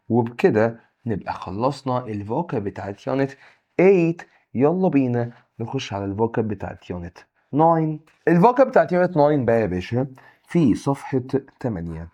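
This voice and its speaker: Brisk Egyptian Arabic man teaching. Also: medium pitch, dark tone. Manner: brisk, reads each English word then its Arabic meaning. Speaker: English teacher. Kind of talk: exam review lesson, reading vocabulary lists.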